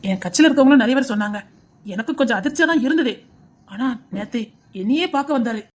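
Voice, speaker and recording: A woman voicing a calm, sympathetic male politician who speaks in a soothing, matter-of-fact way, with a Tirunelveli Tamil accent. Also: fairly high pitch, quick pace.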